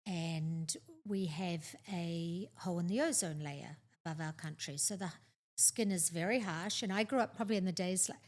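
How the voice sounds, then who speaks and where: A middle-aged woman from New Zealand, co-hosting a casual talk show and telling stories in an animated, chatty way. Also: on the low side, moderate pace. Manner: animated storyteller, chatty and expressive. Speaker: podcast co-host. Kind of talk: casual chat.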